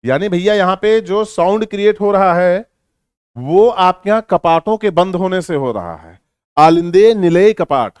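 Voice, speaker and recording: A male teacher giving a lesson in a lively, teasing manner, at times explaining loudly and at times mumbling quietly while writing. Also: on the high side, smooth, no echo, clean studio sound. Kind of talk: online lecture.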